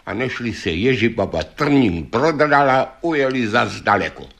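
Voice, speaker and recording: A man reading a fairy tale aloud as storyteller, with lively, shifting delivery. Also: medium pitch, vocal fry.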